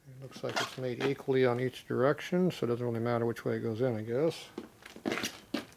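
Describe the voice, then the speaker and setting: Casting note: mid-pitched man mechanic, matter-of-fact, mumbling to himself over clear shop noise and clicks. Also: little pitch movement, brisk. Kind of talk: thinking aloud while working.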